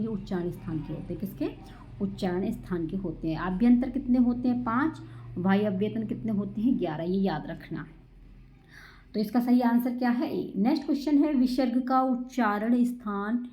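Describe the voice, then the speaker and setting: A woman tutor teaching Sanskrit grammar for exams, asking quick quiz questions and chanting rules slowly. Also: a little high, dark tone. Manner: repeats key answers as quick quiz questions to students. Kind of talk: exam-prep grammar lesson.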